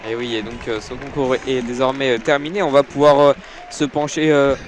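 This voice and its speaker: A man giving live audio-described athletics commentary from a stadium, hesitant with many fillers, rising when excited. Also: medium pitch, a little fast, a faint crowd, a little hiss or hum. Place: outdoor stadium.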